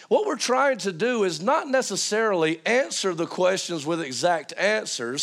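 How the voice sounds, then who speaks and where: A man gives an informal teaching sermon, asking his listeners questions to check in with them. His voice sits high and sounds strained, as if still recovering from being lost.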